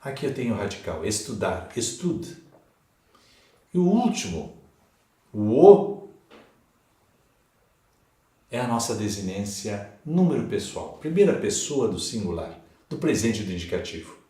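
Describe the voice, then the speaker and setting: Brazilian guy teaching grammar, slow and emphatic, keeps saying ok?, echoey room. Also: fairly low pitch, big pitch swings, warm tone. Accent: Brazilian Portuguese. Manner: slow, emphatic, repeats key words, checks understanding with "ok?" and "né?". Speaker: Portuguese teacher. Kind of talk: exam-prep grammar lesson.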